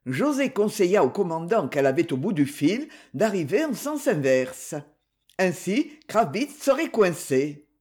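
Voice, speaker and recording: An audiobook reader narrating a novel with steady, expressive reading. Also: mid-range voice, a little slow.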